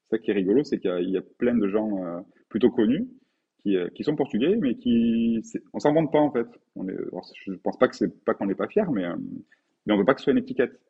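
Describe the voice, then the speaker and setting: Fast and expressive, the fairly low, breathy voice of this forties-aged French painter comes through narrow, tinny audio. He's a casual interview guest, thoughtful but halting, restarting often and leaning on fillers.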